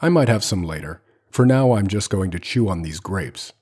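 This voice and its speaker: Tired, defiant mother, clipped lines; male reader, mellow and husky. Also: deep voice, animated, normal speed. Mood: tense, sharp. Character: weary, defiant mother at dinner.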